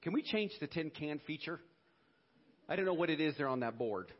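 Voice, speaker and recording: A man's voice: fairly high pitch, animated, brisk. A man speaking through a church sound system that makes his voice sound tinny, like a tin can, chatting casually with the sound crew before he preaches. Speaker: pastor. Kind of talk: sermon.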